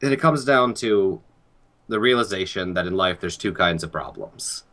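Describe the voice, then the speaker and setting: A young man talking calmly and earnestly about life and worry in a casual chat. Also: low voice, normal speed. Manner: calm, earnest, reflective. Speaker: guest.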